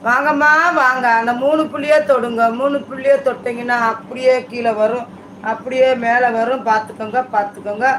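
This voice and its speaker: A woman's voice: a little high, fairly even intonation, fairly quick. An older woman chatting casually as a live stream host, calling out to viewers in a repetitive singsong. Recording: echoey room with faint background noise.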